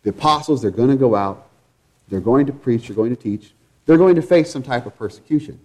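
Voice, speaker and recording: A man preaching a sermon in a church, his voice set in a middle pitch. He talks in earnest, emphatic runs of repeated phrases. He swings between loud, ringing proclamation and low, quiet reflection. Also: lively intonation, a little fast.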